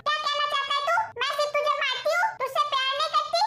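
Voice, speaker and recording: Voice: very high-pitched, steady tone, very fast, loud music behind the voice. A performer voicing a whole cast of squabbling comic family members in an amateur voice dub, teasing and whining at each other. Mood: bickering. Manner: bickering, teasing and whiny. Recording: roomy home recording, loud hiss.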